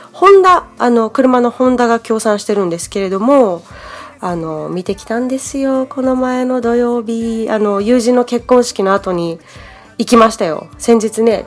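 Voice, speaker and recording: A woman from Japan hosting a podcast English lesson, explaining in a friendly, chatty way. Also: mid-range voice. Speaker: English teacher, podcast host.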